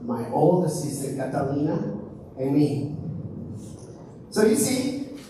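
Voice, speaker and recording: A young Ecuadorian presenter with an Ecuadorian Spanish accent gives a chatty, casual talk in a school auditorium, asking the audience questions. His fairly high voice swings widely in pitch at a slow pace, and the hall is very echoey, with the mic far off and background noise.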